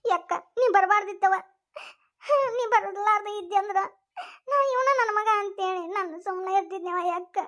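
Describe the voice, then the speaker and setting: Crying and begging, the character is a grieving middle-aged village mother from North Karnataka, voiced by an actor using that Kannada accent. She sounds distraught and high-pitched, pleading through sobs, at a normal speed with a steady, slightly bright tone.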